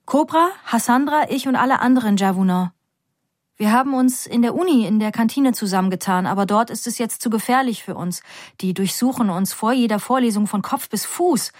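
A woman reading aloud as a fiery young student, pitched higher and speaking with urgent, excited defiance. Her proud, outspoken lines come in a dry, close recording with no room sound. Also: a little fast, no room sound, lightly acted. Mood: defiant. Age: young adult.

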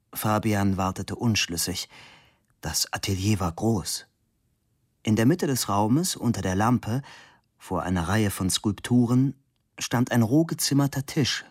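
A man reading a novel aloud as narrator, expressive and lively. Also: lowish voice, slightly rough, dry recording, studio quality. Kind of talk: audiobook narration.

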